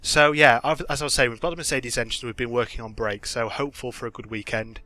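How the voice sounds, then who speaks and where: Bright-voiced young man chatting over gameplay. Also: medium pitch, steady tone, fast talker, no echo. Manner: chatty, self-deprecating, thinking aloud with fillers. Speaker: gaming channel host. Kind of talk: casual game commentary.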